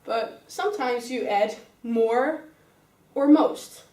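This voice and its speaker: Young woman, Dutch accent, teacher, step-by-step explaining, a bit high voice, far from the mic, echoey classroom. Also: slow, dark tone. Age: young adult. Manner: explains step by step, calls on pupils by name. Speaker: student teacher. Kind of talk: classroom grammar lesson. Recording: roomy classroom sound, mic far away.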